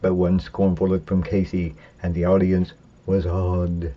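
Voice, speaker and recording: A man giving a semi-dramatic reading of a narrative poem, theatrical and drawn-out, with big swings for suspense and excitement. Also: sits low. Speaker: poetry reader. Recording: dull, lo-fi sound.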